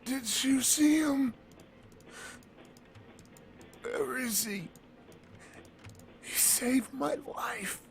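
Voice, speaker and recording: A man voicing a meek, dazed injured man who speaks quietly in a raised voice. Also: extremely high pitch, very slow, vocal fry, soft background music, pitched above the performer's own voice, exaggerated voice.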